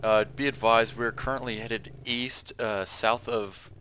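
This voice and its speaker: A man's voice: medium pitch, fairly even intonation, unhurried, pushed and bright, a little hiss or hum. A man acting as radio operator in a military simulation game, mixing procedural calls with casual chat, his phrasing somewhat hesitant.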